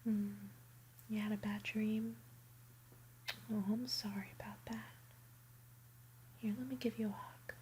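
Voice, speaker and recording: A woman doing a bedtime ASMR roleplay in a soft, soothing whisper. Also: medium pitch, flat delivery, unhurried, long pauses, a little hiss or hum.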